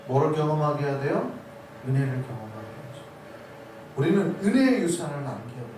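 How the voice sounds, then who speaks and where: Male pastor, sermon; high, animated delivery with rhetorical questions; distant mic in a heavily reverberant sanctuary. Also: brisk, noisy background. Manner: preaches with rhetorical questions to the congregation. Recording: very echoey hall, voice from a distance.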